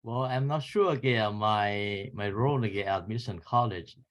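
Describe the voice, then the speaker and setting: A man's voice: fairly low pitch, moderate pace. A man from Vietnam with a Vietnamese accent, speaking on a panel unscripted, hesitant and full of fillers. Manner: hesitant, repeats fillers often.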